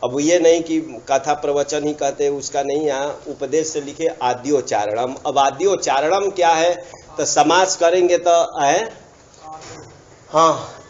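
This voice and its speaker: A man teaches a grammar lesson in a fairly high voice. He repeats key terms and keeps reminding the listener to pay attention. The recording is dull and lo-fi. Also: fairly even intonation, moderate pace, darkish tone. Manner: repetitive, checks understanding with asides.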